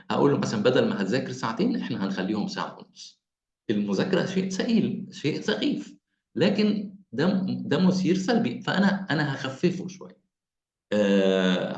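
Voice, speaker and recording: A man with an Egyptian Arabic accent lectures parents over a video call. He talks fast with a lively, swinging pitch and restates his points. The audio is roomy and muffled, like lo-fi call audio. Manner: animated, explaining with repeated phrases. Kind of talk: online lecture.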